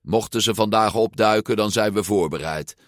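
A man voicing a loud, bossy woman announcing a race in a storybook reading. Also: on the low side, moderate pace, no room sound, clean studio sound, lightly acted. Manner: proclaiming.

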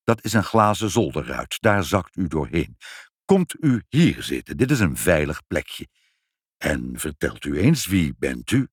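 Man doing a slow, kindly old Saint Nicholas. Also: very deep voice, very animated, slightly rough, dry recording, studio quality, voice pushed down, full character voice. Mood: musing. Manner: slow, deliberate, musing.

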